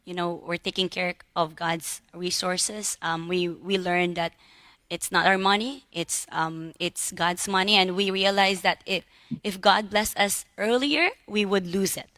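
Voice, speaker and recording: Female guest, lower pitch but bright tone, hesitant, dry close sound. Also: steady tone, a little slow, no echo. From Philippines. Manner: soft-spoken, hesitant, frequent ums. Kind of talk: casual interview storytelling.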